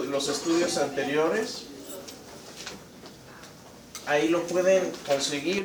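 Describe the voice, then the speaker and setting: A man's voice: fairly high pitch, fairly bright tone, a little hiss or hum. A man teaching a Bible study class in a conversational way, often asking the group questions. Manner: frequent restarts and fillers. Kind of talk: church class lecture.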